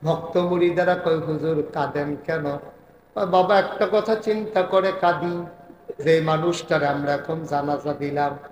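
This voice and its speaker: A man preaching a waz sermon to a gathering, swinging from loud, crying appeals down to low storytelling. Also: reverberant, long reverb tail, a little hiss or hum.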